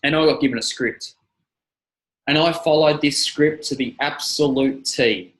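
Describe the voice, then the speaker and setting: A man who trains personal trainers, giving an energetic seminar talk and repeating his key phrases. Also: on the high side, unhurried, poor audio.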